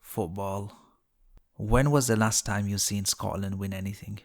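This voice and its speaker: Gravelly low-voiced man, sarcastic narration. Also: fairly even intonation, a little slow. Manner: mocking, sarcastic delivery. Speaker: narrator of a list video. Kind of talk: scripted voice-over narration.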